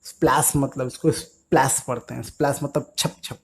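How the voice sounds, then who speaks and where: A man's voice: medium pitch, steady tone, moderate pace, gravelly, husky. A man teaching English words to young children, patiently asking questions and answering them himself.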